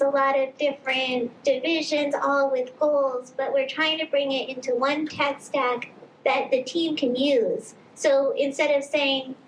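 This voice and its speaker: A woman's voice: high-pitched, slight background noise. A woman speaking as a panelist at a conference, upbeat and explanatory. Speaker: marketing panelist. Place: conference stage. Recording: echoey conference hall.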